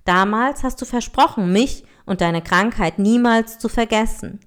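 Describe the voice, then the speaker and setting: A woman voicing Life, a wandering spirit who heals people and tests them, in a calm, measured storybook reading. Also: fairly high pitch, clear, resonant tone, lightly acted. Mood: solemn.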